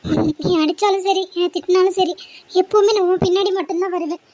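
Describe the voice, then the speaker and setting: A woman plays a devoted young cartoon heroine with a very high, girlish voice. She pleads and clings, anxious and tearful. Faint background hiss sits behind her. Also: fairly even intonation, fast talker, warm tone, muffled recording. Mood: pleading, fearful. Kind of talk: homemade animated cartoon dialogue.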